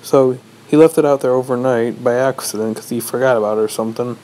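A young man giving a rambling, deadpan comic monologue, posing as a lecturer. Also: mid-range voice, quick pace, a little hiss or hum, poor audio. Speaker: vlogger. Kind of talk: mock-serious comedic monologue.

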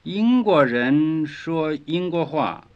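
A man teaching a scripted language lesson, speaking in slow, carefully enunciated drill phrases, on a dull lo-fi 1950s record. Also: on the high side, lively intonation.

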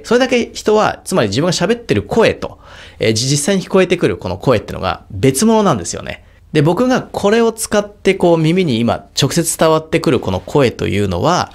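Lively fast-talking Japanese YouTube teacher. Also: male voice, medium pitch. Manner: animated, demonstrates English consonant sounds. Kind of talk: casual product review talk.

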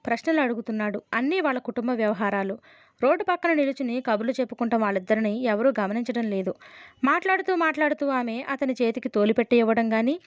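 A woman reading a suspense novel aloud as an audiobook narrator, in a steady storytelling manner and lightly voicing the dialogue. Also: fairly high pitch, no echo. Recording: dull, dry close recording.

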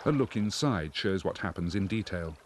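Low-voiced man narrating a nature documentary. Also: animated, very noisy. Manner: measured, explanatory delivery.

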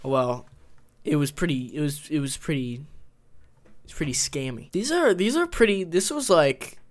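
A man's voice: a little high, expressive, moderate pace. A man hosting a reaction video, chatting casually, swearing and mocking what he watches.

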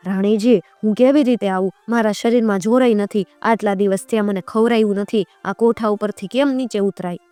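A woman's voice: medium pitch, normal speed, hardly any pauses, dark tone, no room sound, faint music behind, lightly acted. A woman voicing a weak, starving captive king who talks in an urgent, pleading way. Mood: weary.

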